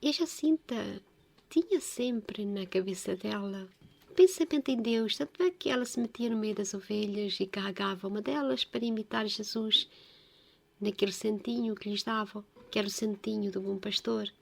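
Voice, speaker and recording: A woman giving a gentle spiritual reflection, speaking haltingly and often dropping into a whisper. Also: mid-range voice, gravelly. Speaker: religious video presenter.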